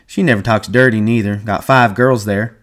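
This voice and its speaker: A man's voice: on the low side, steady tone, moderate pace, lightly acted. A man reading aloud and playing a chatty young ranch hand who talks in an eager, gossipy drawl. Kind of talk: audiobook reading.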